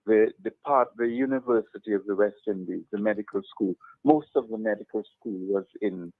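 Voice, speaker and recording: An older man from Trinidad, a psychiatrist, talks slowly and hesitantly as a guest on a phone interview. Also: fairly low pitch, no room sound. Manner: slow, hesitant, measured. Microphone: phone line. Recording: tinny phone line.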